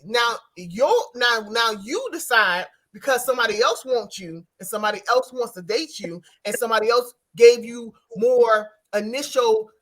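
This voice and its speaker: A woman's voice: fairly high pitch, expressive, moderate pace, few pauses, a bit bright. A woman co-host in a casual group chat, insistently repeating herself to press a point. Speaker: podcast co-host.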